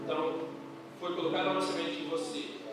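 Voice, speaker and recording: A young Brazilian man preaching a youth service sermon in slangy, casual speech that builds to loud, impassioned delivery. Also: fairly high pitch, flat delivery, fairly quick, heavy background noise. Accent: Brazilian Portuguese. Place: church hall. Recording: roomy church hall from far off, music behind.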